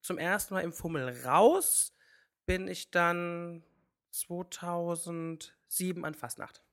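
A man's voice: high voice, takes it slowly, a bit bright. A man in his twenties, a drag artist, answering interview questions in a witty, wordplaying way. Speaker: drag artist, civil servant.

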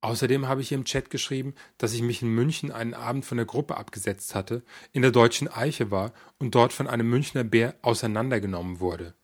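A man reads a first-person story aloud with a slightly husky voice at a mid pitch. His delivery is wry and dryly exasperated, the style of an audiobook narration. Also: brisk, hardly any pauses.

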